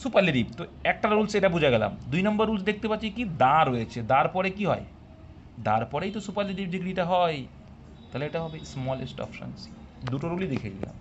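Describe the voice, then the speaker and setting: A man's voice: on the high side, big pitch swings, fast talker, slight background noise. Man quizzing a class, muffled recording. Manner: quizzing students, explaining step by step; scolds students for answering early. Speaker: English teacher for exam coaching. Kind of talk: live classroom lesson. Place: classroom with students.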